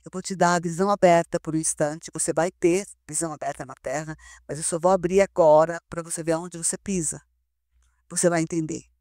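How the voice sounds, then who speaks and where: A woman voicing a gentle, solemn divine male voice, speaking slowly, sweetly and firmly. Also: on the low side, fairly even intonation, dry recording, clean studio sound, lightly acted. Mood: firm, reassuring. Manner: slow, sweet and firm.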